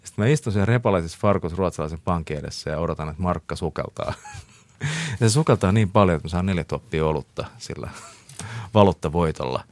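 A man's voice: low voice, no echo. A middle-aged man, a talk show guest, telling stories in a chatty way with many fillers and frequent laughs. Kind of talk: casual storytelling interview.

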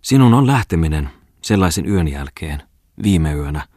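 Man voicing a shaky drunk clerk, whiny, husky, dry mic. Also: very deep voice, expressive, darkish tone, no room sound. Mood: sullen. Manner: trembling, whining, agitated. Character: drunk, distraught middle-aged male office clerk.

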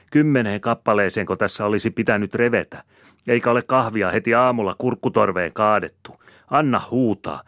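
A man reading an audiobook, voicing a fiery, quick-tongued peasant wife who scolds in a shrill, rapid-fire tirade. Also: fairly bright tone, no echo, studio quality, lightly acted. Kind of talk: audiobook character voice.

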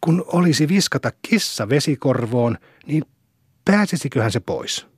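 A man's voice: medium pitch, expressive, breathy edge, dry recording, clean studio sound. A man reading the lines of a bragging beggar boy in a storybook. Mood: boastful. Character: boastful poor beggar boy.

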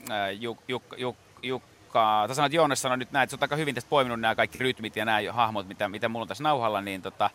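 A man's voice: mid-range voice, fairly even intonation, hardly any pauses, a bit bright, slight background noise. A man, a guest impressionist, telling stories in a rambling way, with many fillers and restarts, in a radio studio. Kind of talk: casual interview talk.

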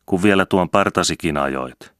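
Worried old farm sister, eager and a bit loud, man reading her. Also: sits low, clean tone, no room sound, studio quality. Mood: fretting. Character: old peasant woman, anxious sister.

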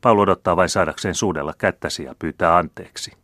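A coolly mocking aristocratic count, all polished irony and lofty calm, as a male reader puts him on. The voice sits very deep and the sound is dry and close. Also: no echo. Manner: smooth, ironic, condescending.

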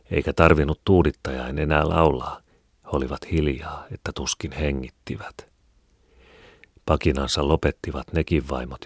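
Very deep, gravelly male narrator. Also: dry recording, clean studio sound. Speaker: audiobook reader. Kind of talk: scripted narration.

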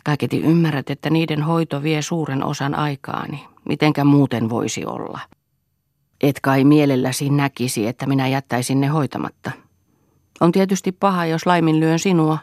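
A woman reading the lines of a patient, submissive wife who answers calmly and meekly. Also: sits low, no room sound, studio quality. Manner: calm, meek.

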